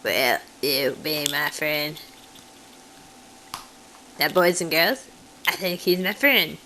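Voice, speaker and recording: A woman voicing a timid, childlike male puppet who is wary of cats, speaking slowly and simply to the children in a puppet show. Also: sits low, animated, pushed and bright, slight background noise, heavily acted, poor audio. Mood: chatty. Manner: talks straight to the children, slow and simple.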